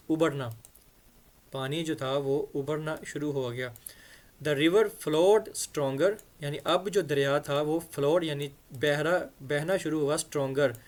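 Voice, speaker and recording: A male English teacher from Pakistan works through a story line by line. He reads each English phrase slowly, then explains it at length. His voice sits a little high, and he repeats words again and again to drill their pronunciation.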